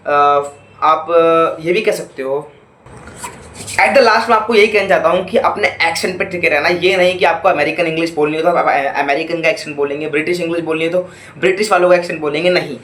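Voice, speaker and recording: A man's voice: sits high, a bit bright. A man from India with an Indian accent, teaching a YouTube lesson and often asking rhetorical questions and checking with an "okay?". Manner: mixes in short English phrases. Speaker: English teacher. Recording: echoey room.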